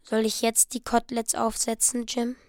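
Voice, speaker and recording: A woman's voice: a little high, moderate pace, no room sound, studio quality, close to an everyday voice. Anxious pleading young wife, read by a woman. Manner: breathless, pleading and excited.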